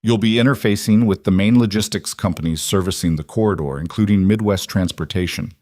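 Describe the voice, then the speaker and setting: A man reading the lines of a brisk, professional businesswoman in a story. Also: lowish voice, a little mellow, no echo, natural voice. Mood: businesslike.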